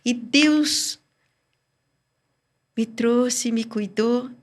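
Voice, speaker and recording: A woman guest on a church podcast giving her personal religious testimony, telling her story with lively acted-out dialogue. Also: drawn-out words. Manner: sweeping, swinging pitch as she tells her story.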